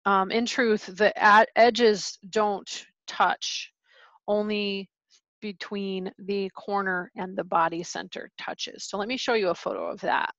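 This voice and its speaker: A woman's voice: medium pitch, steady tone, slow, a bit bright, dry recording, lo-fi sound. A woman teaching a chemistry lesson over a screen recording from home, explaining in a casual, chatty way. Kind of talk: screen-recorded lecture walkthrough. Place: home, with pet dogs.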